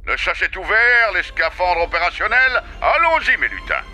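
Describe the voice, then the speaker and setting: A man's voice: high voice, big pitch swings, normal speed, sharp tone, heavily acted. A man voicing a jolly, commanding old Santa Claus in a French children's cartoon, hearty and exclamatory. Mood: rousing command. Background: music.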